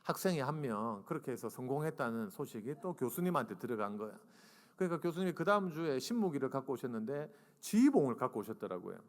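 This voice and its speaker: A man in his forties preaches in a church hall with a long reverb. He tells stories with a lively, wide-ranging pitch. He acts out dialogue and asks the congregation to raise their hands. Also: fast talker. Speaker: guest preacher and seminary professor. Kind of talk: humorous storytelling sermon. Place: church sanctuary.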